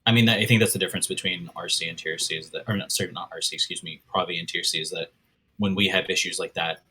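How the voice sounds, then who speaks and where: A man's voice: deep voice, fairly even intonation, fast talker, bright, forceful tone, a little hiss or hum, poor audio. A man talking casually on a panel discussion, rambling and repeating himself. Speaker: alliance member guest.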